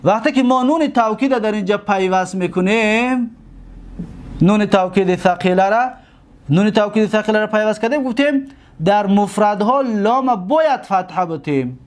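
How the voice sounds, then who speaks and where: A man with a high voice and a Tajik accent leads a grammar lesson. He repeats each verb form slowly and deliberately, stopping often to check that his students follow. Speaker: teacher of Arabic grammar. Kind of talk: classroom lesson.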